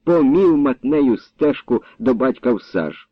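A man narrating a village story in a measured, expressive reading style. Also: mid-range voice, no echo. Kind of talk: audiobook narration. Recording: dull, dry recording.

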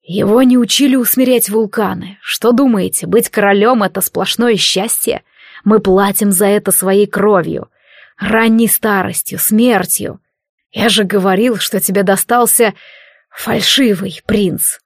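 A woman's voice: mid-range voice, steady tone, no echo, clean studio sound. A woman reading a wounded, defiant merman prince. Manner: slow, strained and hoarse-edged.

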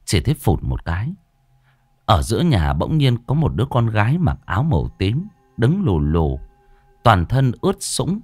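A man narrates a ghost story with an expressive, dramatic reading. His voice is very deep and swings widely in pitch. The sound is close and dry. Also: normal speed, dry recording.

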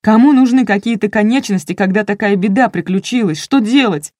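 A woman's voice: fairly low pitch, steady tone, a little slow, dark tone, no room sound, clean studio sound, close to an everyday voice. A woman voicing a drunk, stubborn young man who whines and grumbles in an audiobook. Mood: yelling. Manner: whining and grumbling. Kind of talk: audiobook character voice.

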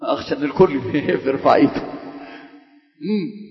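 A man's voice: fairly high pitch, moderate pace, faint music behind. A man with an Egyptian accent, a sheikh teaching a religious text to a class, who quizzes and teases his students with rhetorical questions and moves between formal and everyday speech. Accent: Egyptian Arabic. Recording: echoey hall, dull sound.

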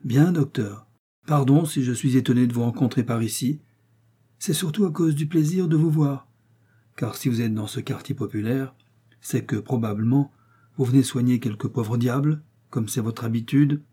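A man voicing an excitable, warm-hearted Parisian working man who talks eagerly and apologizes a lot, in an audiobook. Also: mid-range voice, moderate pace, husky, close to an everyday voice. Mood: grateful. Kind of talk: audiobook character voice.

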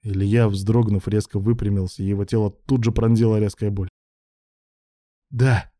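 A man narrating a story in an even, measured reading. His voice sits low and has a very dark, mellow tone. The recording is dry and close. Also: no room sound. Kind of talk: audiobook narration.

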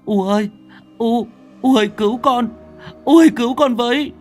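A man's voice: very high voice, normal speed, a little mellow, soft background music, pitched above the performer's own voice. A man voicing a terrified young girl crying out for her mother in a ghost story. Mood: panicked.

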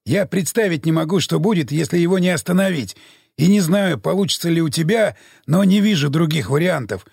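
A man reading aloud voices an earnest brother who presses his case without a pause. His delivery is animated and rises and falls a lot. The recording is dry and close. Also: on the high side, vocal fry, husky, no echo, exaggerated voice. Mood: urgent. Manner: earnest, insistent. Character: urgent man pleading with his sister.

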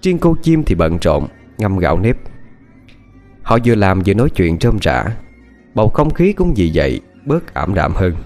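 A man narrating a ghost story audiobook in a steady storytelling voice. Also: sits low, normal speed, faint music behind. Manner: steady storytelling with lively intonation. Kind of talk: scripted narration.

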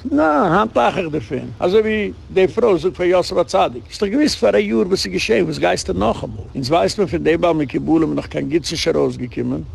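A man, a rabbi, giving a storytelling lecture and jumping to a high voice when he quotes others. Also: vocal fry. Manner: animated storytelling with sudden jumps in pitch.

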